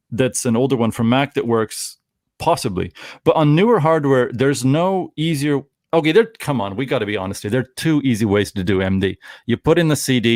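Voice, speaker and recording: A man's voice: mid-range voice, darkish tone, no room sound, clean studio sound. A Canadian man in his forties hosting a live stream, chatting casually and rambling, often cutting himself off with jokes. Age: 40s. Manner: rambling, self-interrupting, jokey.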